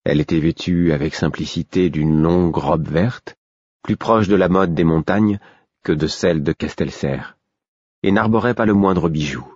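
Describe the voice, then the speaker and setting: A man reading a first-person novel aloud in a measured, even style, in a dull, dry recording. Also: deep voice, slightly rough, no room sound. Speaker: audiobook narrator. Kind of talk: scripted first-person literary narration.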